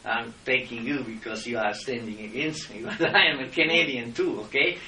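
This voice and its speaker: This middle-aged Czech man, medium-pitched and sharp in tone, argues at a moderate pace with officials in a heated, impassioned, lecturing manner. He has a Czech accent and non-native grammar. The recording is echoey with a distant mic and a little hiss or hum.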